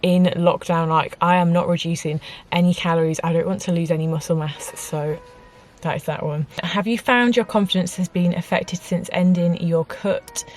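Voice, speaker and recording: A woman's voice: on the low side, fairly even intonation, normal speed, a little mellow, soft background music. A woman in her twenties chatting casually through a Q and A from inside her car, bubbly and full of "like". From United Kingdom. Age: 20s. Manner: chatty, bubbly, peppers talk with "like". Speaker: vlogger. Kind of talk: casual chat, Q and A.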